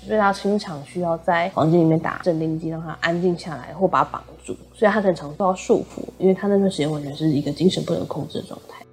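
A woman co-hosting a book discussion podcast, softly retelling a story and quoting its characters. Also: lowish voice, creaky. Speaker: podcast co-host.

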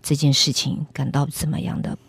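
Female evangelist guest, earnest testimony storyteller, husky tone, dry close sound. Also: sits low, level tone, brisk, no room sound. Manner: earnest storytelling with acted quotes. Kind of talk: personal faith testimony.

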